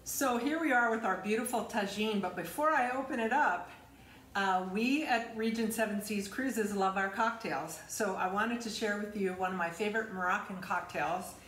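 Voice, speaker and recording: A middle-aged woman, an executive chef, demonstrating sauces in a large home kitchen, talking in a relaxed, enthusiastic way with some fillers. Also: mid-range voice, normal speed, slight background noise. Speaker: cruise line executive chef. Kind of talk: cooking demonstration.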